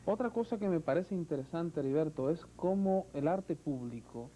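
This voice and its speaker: Very warm-toned articulate male interviewer. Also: a little high, lively intonation, moderate pace, slight background noise, rough recording. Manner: articulate, literary, frequent short affirmations. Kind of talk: interview conversation.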